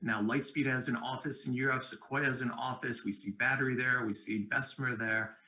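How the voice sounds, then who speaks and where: A man's voice: medium pitch, fairly even intonation, a little fast, bright, forceful tone, poor audio. A man speaking as a venture capitalist on a panel, explaining at length in a fluent, assured way. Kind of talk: panel discussion.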